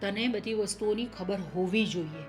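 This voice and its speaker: A woman's voice: medium pitch, normal speed, natural voice. A woman playing a stern suspicious mother-in-law. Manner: accusing, insistent, lists sums and grievances. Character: stern middle-aged mother-in-law, suspicious of her son. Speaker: actor in a family drama. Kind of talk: short-film drama acting. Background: soft background music.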